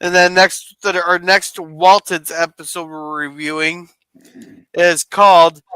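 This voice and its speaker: Bright, high-voiced man hosting a stream. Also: level tone, measured pace, clean tone, dry recording, poor audio. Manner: loose and chatty, reads out viewer comments. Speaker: podcast host. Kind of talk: casual live-stream chat.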